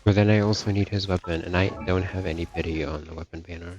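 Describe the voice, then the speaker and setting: A young man with a low, steady voice talks fast while casually commenting on his video game livestream. The mic sounds dull, and faint game music plays in the background.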